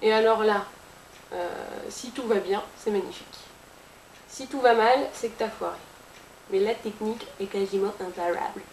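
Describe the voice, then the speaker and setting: With a mid-range, darkish voice and a moderate pace, a beauty vlogger walks through a makeup tutorial in a casual, playful way. Jokes, sound effects and chatter fill it, over faint hiss in an echoey room.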